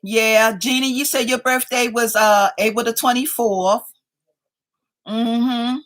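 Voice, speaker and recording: Her voice sits on the high side with fairly even intonation and a slow pace. She's a woman in her fifties running a casual livestream, chatting playfully, reading comments aloud, and repeatedly calling her viewers y'all.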